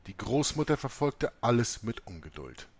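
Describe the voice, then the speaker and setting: Expressive male audiobook narrator. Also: mid-range voice, normal speed, creaky. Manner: expressive storytelling. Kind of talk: audiobook reading.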